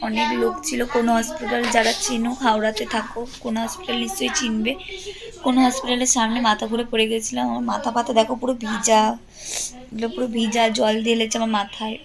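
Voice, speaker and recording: A woman vlogger telling viewers she feels weak, struggling to talk and speaking in halting fragments. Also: fairly high pitch, level tone, creaky, crowd noise, rough recording. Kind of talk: casual vlog to viewers.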